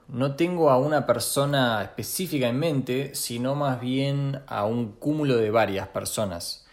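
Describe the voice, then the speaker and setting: A young man, a guest musician speaking in a thoughtful, measured first-person monologue with small restarts. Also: mid-range voice. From Argentina. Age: young adult.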